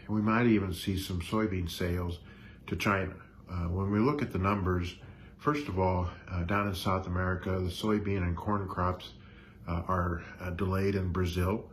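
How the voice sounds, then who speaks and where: Deep voiced guy doing a morning market update, lots of pauses and hesitation, slight noise behind him. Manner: halting, hesitant delivery with frequent pauses. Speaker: grain market commentator.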